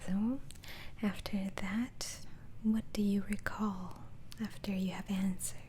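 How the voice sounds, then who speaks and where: In an ASMR role-play, a woman acting as a doctor conducting an interview asks gentle questions with halting pauses. She whispers very slowly in a dark, soft, breathy voice of medium pitch and level tone, and the recording has clear noise.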